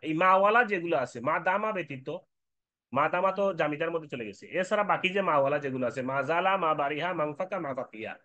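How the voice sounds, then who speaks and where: A man's voice: on the high side, sharp tone, no room sound. A man teaching an Arabic grammar lesson from a sheet, repeating terms and reciting lists of word forms.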